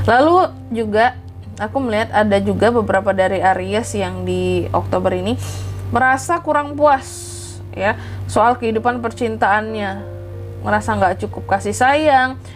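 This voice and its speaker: A woman hosts a tarot channel with a casual horoscope reading, chatting informally and directly to her listeners. Her medium-pitched voice is congested and nasal from flu and a blocked nose. Background music plays behind her, with a little hiss or hum in the recording.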